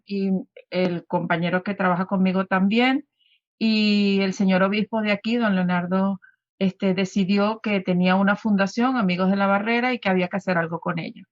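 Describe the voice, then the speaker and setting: A Venezuelan-accented woman in her fifties is a guest on a radio interview, speaking conversationally with many fillers and restarts. Her voice is medium-pitched, and the lo-fi recording has no room sound.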